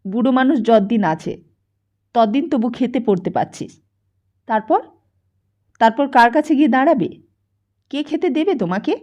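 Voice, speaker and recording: A woman voicing a weary, bitter poor mother who scolds her son in a nagging, sharp, raised voice, in a dull lo-fi audiobook recording. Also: sits high, expressive, a little slow, pauses often. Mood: scolding. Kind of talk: audiobook character voice.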